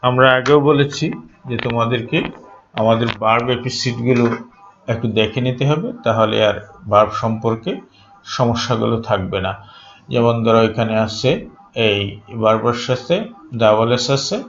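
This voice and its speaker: A man teaching an English grammar lesson, drilling word forms slowly and deliberately. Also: medium pitch, fairly even intonation, vocal fry, slight background noise. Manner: slow, deliberate dictation-like drilling. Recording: echoey room, dull lo-fi sound.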